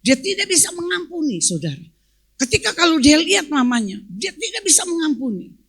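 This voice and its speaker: A woman pastor preaching a sermon at a church service. She tells a testimony and keeps calling the congregation "saudara," swinging between loud emphasis and hushed asides. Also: high-pitched, very animated, fairly quick.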